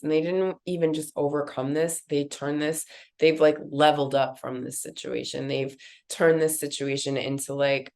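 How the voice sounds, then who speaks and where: A woman's voice: low-pitched, a little mellow. A woman with a nasal voice guiding viewers through a card reading in a casual, rambling way, full of fillers. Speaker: card reader. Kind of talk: guided intuitive card reading.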